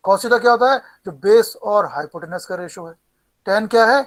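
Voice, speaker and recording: Guy teaching trig to a class, says formulas again n again slow, checks if kids got it. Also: sits high, low-quality recording. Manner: repeats key formulas slowly, calls students by name and "beta". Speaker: math teacher. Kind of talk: live class teaching, Hindi-English mix.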